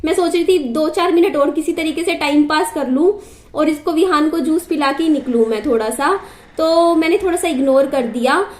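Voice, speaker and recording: A woman's voice: sits high, normal speed. A young woman vlogger telling a long everyday story to the camera in a chatty, repetitive way. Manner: chatty, repeats herself, asides to her child. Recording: echoey room.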